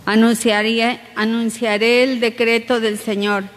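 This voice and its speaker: A woman reading a psalm solemnly and deliberately as a lector at Mass, in a reverberant church. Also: fairly high pitch, little pitch movement.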